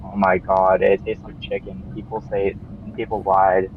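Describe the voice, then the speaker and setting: A low-voiced man talks in an easygoing, chatty way over headset voice chat. The sound is dull and lo-fi. A faint hiss sits behind him. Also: little pitch movement, moderate pace. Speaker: co-host on a gaming stream. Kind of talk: casual chat.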